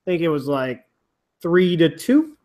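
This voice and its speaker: A man's voice: a little high, very animated, unhurried, a little mellow. A man hosting a casual chat, rambling with restarts and the odd swear. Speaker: rugby podcast host.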